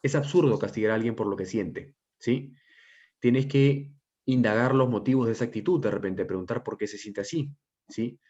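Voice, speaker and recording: A man teacher giving an online class lecture, explaining step by step and often checking in with a quick question. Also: mid-range voice, a little mellow. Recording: dull lo-fi audio.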